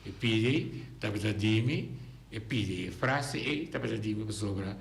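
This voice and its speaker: Gravelly halting man with a Bonaire accent. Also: fairly low pitch, animated, echoey room, slight background noise. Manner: halting, repeats words often. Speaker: singer guest. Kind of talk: radio interview.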